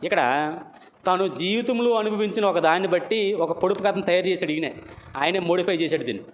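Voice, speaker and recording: A middle-aged male preacher telling a Bible story in an animated way, acting out the characters' lines. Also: sits high, fairly quick, slight background noise. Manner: animated storytelling, acts out quoted voices. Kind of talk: sermon, Bible story retelling.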